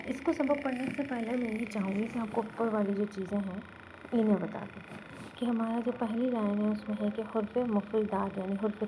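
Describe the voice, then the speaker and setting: A woman's voice: mid-range voice, noisy background. Patient woman teaching Quran reading. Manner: patient, asks learners to repeat, checks with "theek hai?". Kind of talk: step-by-step beginner lesson.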